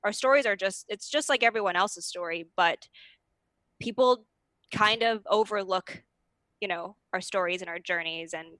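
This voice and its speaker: Slightly hungover woman, bright voice. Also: medium pitch, normal speed, no echo. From United States. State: a little hungover. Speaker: podcast host and comedian, as a guest. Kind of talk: casual conversational interview.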